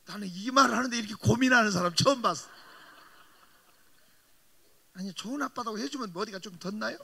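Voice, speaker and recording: High bright-voiced man preaching in a hall. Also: a little fast, vocal fry, slightly rough. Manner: animated storytelling, teasing the congregation. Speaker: pastor. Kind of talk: revival meeting sermon. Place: church sanctuary. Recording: long reverb of a large hall.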